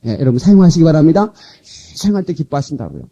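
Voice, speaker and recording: A Korean man preaching a revival sermon as pastor, animated, coaxing and scolding his congregation, heard from an old cassette tape transfer. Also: fairly high pitch, fast talker, muffled recording. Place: church sanctuary.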